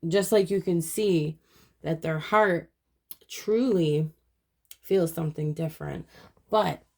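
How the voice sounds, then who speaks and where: A woman with a fairly low voice gives a relaxed tarot reading to camera. She meanders from thought to thought and leans on "you know" and "um" as she goes. She stays earnest and reassuring as she speaks directly to the viewer. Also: slow, vocal fry. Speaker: tarot reader. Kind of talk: casual spoken tarot reading.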